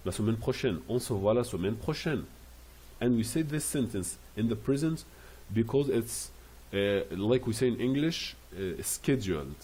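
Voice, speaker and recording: Slow, husky-voiced man teaching French. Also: mid-range voice, lively intonation, dark tone. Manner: slow, deliberate, repeats and spells words out syllable by syllable. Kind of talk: language lesson explaining pronunciation.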